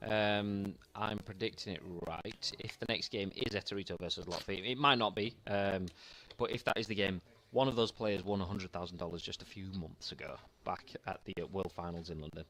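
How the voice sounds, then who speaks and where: A man doing color commentary on a football video game tournament from a studio, giving measured, halting analysis. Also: sits low, fairly even intonation, a bit bright, slight background noise, rough recording.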